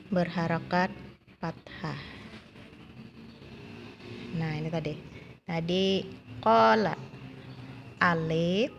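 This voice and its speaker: A woman's voice: fairly low pitch, creaky, lo-fi sound, slight background noise. An Indonesian woman teaching a lesson on Quranic long vowels, patiently repeating each example and drawing out the long sounds.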